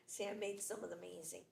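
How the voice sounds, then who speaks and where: A woman's voice: lowish voice, creaky, a little mellow. An older woman hosting a show, running a trivia quiz in casual chat, teasing and laughing as she goes. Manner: slow, giggly, teasing quizmaster. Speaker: talk show host. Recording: roomy studio with faint hiss.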